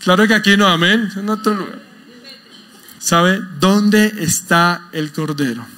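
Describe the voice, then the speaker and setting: A man's voice: high-pitched, measured pace, sharp tone. A male pastor preaching a sermon, emphatic and often putting questions to his congregation.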